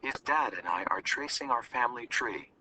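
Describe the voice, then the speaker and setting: A man reading aloud in a classroom story lesson, voicing a calm, caring mother who explains things. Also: mid-range voice, normal speed, far from the mic, slight background noise, low-quality recording.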